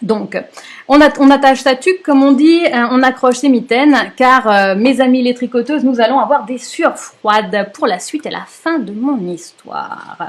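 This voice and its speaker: A woman's voice: high-pitched, a little slow. A woman presenting a knitting history lesson in a chatty storytelling way, with asides and jokes for her viewers. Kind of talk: casual storytelling lecture.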